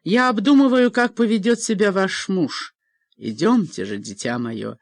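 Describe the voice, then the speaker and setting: Woman reading as a gently teasing priest. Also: medium pitch, animated, measured pace, no echo. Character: kindly teasing middle-aged male priest.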